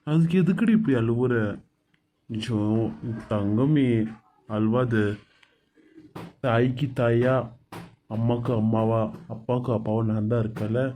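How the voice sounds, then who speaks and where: Man as a tender husband in a Bangalore Tamil cartoon serial, warm dark voice, coaxing and reassuring. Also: mid-range voice, normal speed, long pauses, a little hiss or hum, close to an everyday voice. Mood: comforting. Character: caring young husband, gentle and protective.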